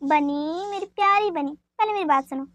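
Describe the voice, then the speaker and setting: A woman's voice: very high-pitched, normal speed, a bit bright. A woman voicing a patient, teasing pregnant young woman with a soothing, affectionate manner.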